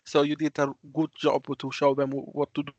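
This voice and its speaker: Presenting online as a student intern, a young man from Italy stumbles and restarts often, his Italian accent clear over a video call mic that keeps cutting in and out. His fairly high voice is completely flat, a little fast and darkish, and the recording is muffled with no room sound.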